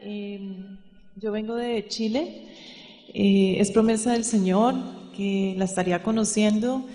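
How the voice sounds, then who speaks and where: A woman from Colombia in the congregation, speaking softly and hesitantly before asking a question. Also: mid-range voice, steady tone, slow pace. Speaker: congregation member. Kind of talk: question from the floor. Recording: long hall reverb.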